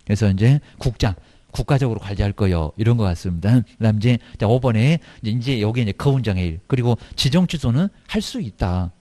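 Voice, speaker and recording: A middle-aged man teaching an exam-prep class in a low, mellow voice. His pitch jumps around a lot as he talks. He fires rhetorical questions at the students and drops in colloquial asides. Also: animated, brisk. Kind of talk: recorded online lecture.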